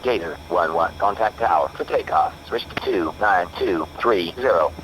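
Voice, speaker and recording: A terse controller over a radio. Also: male voice, low voice, lively intonation, moderate pace, fairly bright tone. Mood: clipped. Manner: clipped radio phrasing. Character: terse male air traffic controller and pilot. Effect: over a military aircraft radio. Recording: noisy in-game radio audio.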